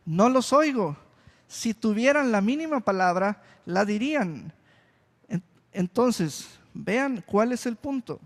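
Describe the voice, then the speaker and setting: A male pastor preaching a sermon slowly and deliberately, repeating key phrases for emphasis. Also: high-pitched, expressive. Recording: long reverb of a church hall.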